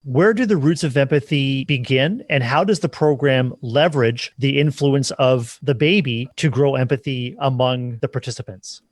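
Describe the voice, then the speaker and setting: A man hosts a podcast interview and asks each question in a measured, formal way. His voice sits at an ordinary middle pitch. It sounds dry and close, with no room around it. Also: dry recording. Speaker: podcast host.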